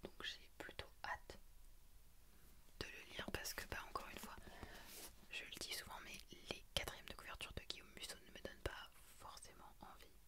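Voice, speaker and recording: Whispering young woman, ASMR book chat. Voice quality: breathy unvoiced whisper. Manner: hushed library-style whisper, hesitant pauses. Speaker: ASMR creator.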